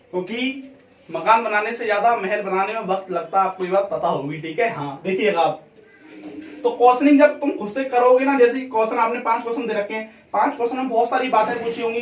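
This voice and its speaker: A male teacher giving an exam tips lesson, checking in with "theek hai" after nearly every line. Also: sits high. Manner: repeats "theek hai" constantly. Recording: echoey room, mic far off.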